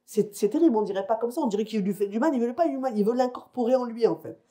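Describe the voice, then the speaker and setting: A woman's voice: on the high side, fast, warm tone. A woman psychologist giving a conference lecture to parents. She explains in a conversational way and often checks in with her listeners. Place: lecture hall or conference room.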